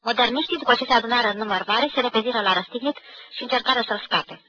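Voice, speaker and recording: A woman giving a measured, expressive literary reading of a novel for radio. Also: on the high side, slight background noise. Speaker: reader of a novel. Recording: dull lo-fi 1990 radio recording.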